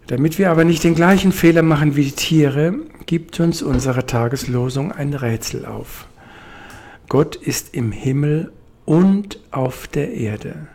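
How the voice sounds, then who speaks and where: A preacher reading a short radio devotion and telling a story, in a gentle, measured way. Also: male voice, fairly high pitch. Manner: gentle, measured, addresses listeners.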